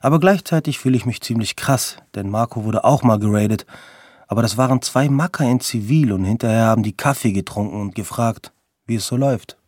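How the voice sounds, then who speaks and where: A man reading a first-person story aloud in gritty, slangy street talk, with a husky voice. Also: mid-range voice, brisk, darkish tone, dry recording, clean studio sound. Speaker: narrator.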